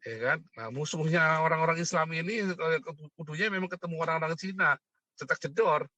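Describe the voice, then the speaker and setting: A man's voice: on the high side, brisk, sharp tone, dry recording. A man delivering a mocking, provocative monologue, constantly asking for agreement. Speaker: online commentator. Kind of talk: ranting monologue.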